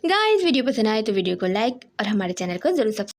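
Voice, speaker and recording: Expressive woman telling a cartoon story. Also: mid-range voice, quick pace. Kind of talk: scripted children's story narration.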